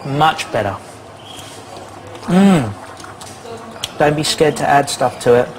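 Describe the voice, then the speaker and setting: A man's voice: a little high, lively intonation, slow. A man chatting casually and cheerfully in a home kitchen, a little out of breath and joking at his own expense. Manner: chatty, upbeat, self-mocking. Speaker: reality show participant. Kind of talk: casual talk to camera. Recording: noisy home recording.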